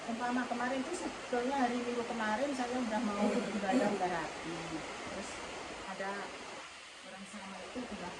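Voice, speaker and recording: A woman's voice: a little high, level tone, brisk. A woman in her sixties giving an earnest, devout personal testimony about her volunteer work, in a home visit. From Indonesia. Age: 60s. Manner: earnest, emotional and devout storytelling. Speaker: hospital patient-escort volunteer. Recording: roomy with loud background noise.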